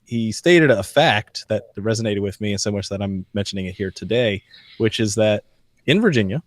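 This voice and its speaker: A man speaking thoughtfully on a podcast panel, recounting a story in a measured way with some fillers. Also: lowish voice, no room sound. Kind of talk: conversational podcast discussion.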